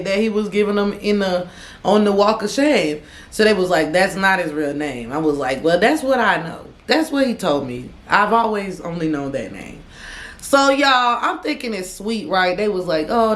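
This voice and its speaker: A woman vlogger telling a storytime to her viewers, dramatic, acting out each person and laughing as she goes. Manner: dramatic, talks to viewers as y'all; acts out voices with big pitch swings. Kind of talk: animated storytime. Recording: echoey room.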